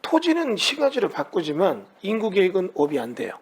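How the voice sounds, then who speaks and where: A man's voice: high-pitched, huge pitch swings, brisk, slightly rough. A man teaching a real estate class in a conversational way, often putting rhetorical questions to his students. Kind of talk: classroom lecture.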